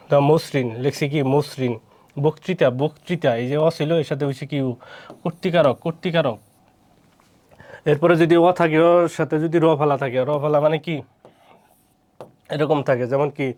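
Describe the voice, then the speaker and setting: A man's voice: on the high side, a little mellow. Man teaching, quizzing his class. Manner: repetitive, asks and answers his own questions. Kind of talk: spoken lesson on pronunciation rules.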